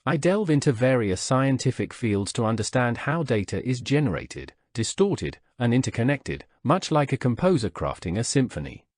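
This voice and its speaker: Man giving a lively, measured lecture. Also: medium pitch, no room sound, studio quality. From Slovakia. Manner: measured, deliberate delivery with rhetorical questions. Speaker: lecturer, vice president of a research institute. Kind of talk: prepared conference lecture.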